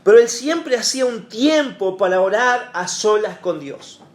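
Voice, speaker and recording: A man leads a Bible study in a church, speaking conversationally and leaning on fillers and rhetorical asides to his listeners. His voice sits high for a man, and the room around him rings with a clear echo. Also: animated, unhurried. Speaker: pastor. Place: church hall.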